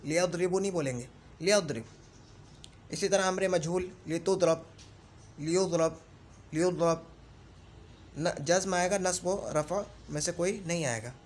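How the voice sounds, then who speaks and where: A man with a fairly high voice teaches grammar, patiently repeating lists of rules and pausing to check that the point has landed. A faint hiss sits under the recording. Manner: recites rule lists slowly and repeats them; explains patiently with frequent check-ins. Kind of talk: classroom grammar lesson.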